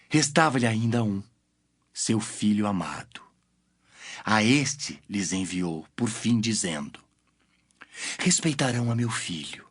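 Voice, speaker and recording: An actor playing Jesus as an authoritative teacher in a dramatized scripture reading, speaking in a solemn, emphatic, declamatory manner. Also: male voice, mid-range voice, fairly bright tone, exaggerated voice. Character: Jesus, authoritative male teacher answering challengers with parables.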